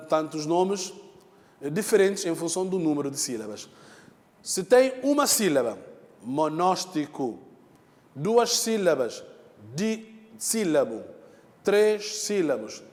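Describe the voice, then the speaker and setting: Higher-voiced man teaching in a reverberant hall. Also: darkish tone. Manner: explanatory, repeats key terms, frequent "né?" checks. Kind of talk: televised lesson.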